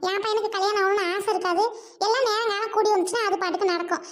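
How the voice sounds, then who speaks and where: A woman playing a sharp-tongued, quarrelsome village sister-in-law who nags and taunts in a comic family skit. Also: very high voice, steady tone, racing. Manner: nagging, taunting, argumentative. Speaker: skit performer playing several roles.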